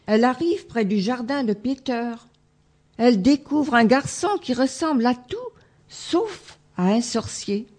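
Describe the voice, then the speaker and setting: A woman reads a children's fairy tale in a slow, gentle way. Her voice is slightly high and husky. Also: lively intonation. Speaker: storyteller. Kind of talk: reading a children's tale aloud.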